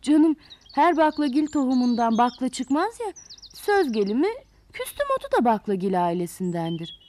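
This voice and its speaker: A chatty know-it-all pea seed in a storybook, high-voiced and breezy, as a woman puts it on. Its speech rises and falls with lively swings. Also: normal speed, slight background noise. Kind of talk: storybook reading.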